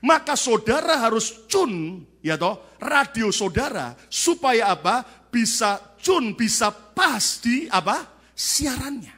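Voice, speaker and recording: A male pastor preaches in a high, lively voice, firing questions at his congregation and waiting for their reply. His delivery jumps between loud, shouted peaks and low, quiet asides. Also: takes it slowly, husky. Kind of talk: sermon. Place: large church sanctuary.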